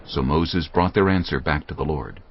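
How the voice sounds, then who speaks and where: A man narrating a dramatized Bible reading in a calm, steady storytelling manner. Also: extremely low pitch, moderate pace, gravelly, slight background noise. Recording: muffled audio under orchestral music.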